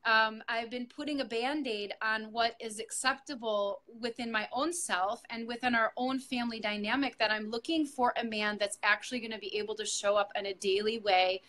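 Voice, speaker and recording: A woman's voice: fairly high pitch, steady tone, moderate pace, hardly any pauses, pushed and bright. A middle-aged woman, a yoga teacher, speaking earnestly and reflectively in an interview, with frequent fillers and restarts. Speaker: yoga teacher sharing her story with her coach. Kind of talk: heartfelt interview testimonial.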